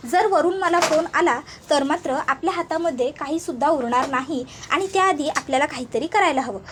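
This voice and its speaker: A woman's voice: high-pitched, brisk, fairly bright tone, a little hiss or hum. A woman reading the lines of a senior woman police inspector, commanding and firm.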